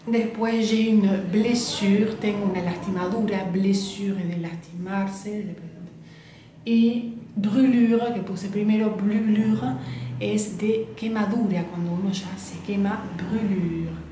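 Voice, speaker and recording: A woman teaching French, patiently repeating each phrase slowly and explaining it. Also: mid-range voice, mellow, a little hiss or hum. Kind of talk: slow explanatory lesson. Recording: echoey room.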